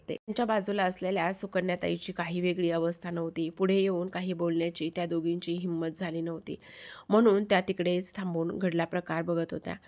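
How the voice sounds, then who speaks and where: A woman narrating an emotional family story in a soft, unhurried reading with small hesitations. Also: lowish voice.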